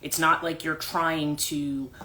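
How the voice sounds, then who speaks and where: A woman's voice: deep voice, flat delivery, takes it slowly, sharp tone, slight background noise. A middle-aged woman life coach telling a personal story on a morning phone livestream, rambling with many fillers and restarts.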